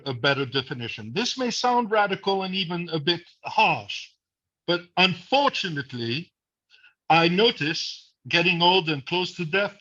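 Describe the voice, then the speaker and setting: Older man in his seventies, bright forceful tone, slightly high voice, muffled lo-fi call audio. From Morocco. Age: 70s. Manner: earnest, blunt, emphatic. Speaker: audience member asking a question. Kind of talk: impassioned monologue on a video call.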